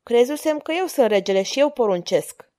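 A woman's voice: fairly high pitch, lively intonation, dark tone, lightly acted. Woman reading an earnest young king.

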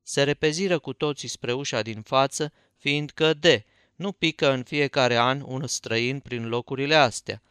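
A man reading a novel aloud in a folksy, even first-person narration. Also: mid-range voice, clear, resonant tone, no echo, clean studio sound. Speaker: audiobook narrator.

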